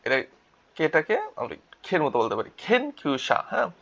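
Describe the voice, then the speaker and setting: A Japanese language teacher with a slightly high, gravelly, somewhat bright voice talks fast and very animatedly in a vocabulary lesson. He spells out syllables and asks and answers his own questions, captured on a dull lo-fi recording.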